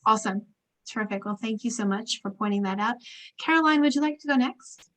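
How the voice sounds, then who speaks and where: A woman hosting an online meeting over a video call, moving people along briskly and encouragingly. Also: fairly high pitch, a bit bright, low-quality recording. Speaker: meeting host.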